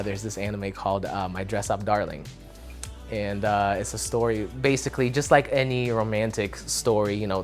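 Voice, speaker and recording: A young man from Russia, a musician, talking casually in an interview, relaxed and rambling with lots of fillers. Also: lowish voice.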